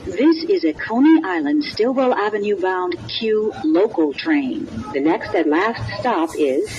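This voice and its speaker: A woman's recorded voice announces stops through a train intercom, formal and clipped into set phrases. She speaks slowly with a lively, sing-song lift to her pitch. The loudspeaker sound is dull and muffled, with a faint hum of the moving car underneath. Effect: played over a train's intercom loudspeaker. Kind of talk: automated station announcements. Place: inside a subway car.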